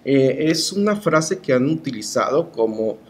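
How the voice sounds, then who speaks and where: A man's voice: medium pitch, sing-song, unhurried. A middle-aged man with a Mexican accent giving opinions in an interview as a cultural promoter, speaking emphatically and rhetorically with frequent tag questions.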